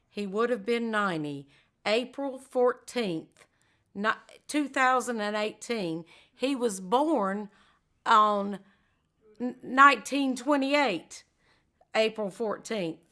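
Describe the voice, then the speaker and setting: An older woman speaking slowly and tenderly as she is interviewed, repeating her lines over several takes. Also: fairly high pitch, expressive, bright, forceful tone. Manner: slow, tender and heartfelt.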